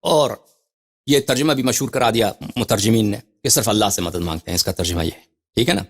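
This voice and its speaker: A male religious scholar giving a lecture on scripture. He reads quoted passages slowly, then explains them with emphatic, repeated phrases. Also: fairly low pitch. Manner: repeats and restarts phrases while thinking aloud.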